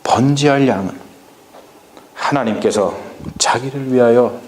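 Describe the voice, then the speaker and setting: Old father figure, calm, rural dialect, man voicing it, echoey church. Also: medium pitch, unhurried, close to an everyday voice. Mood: reassuring.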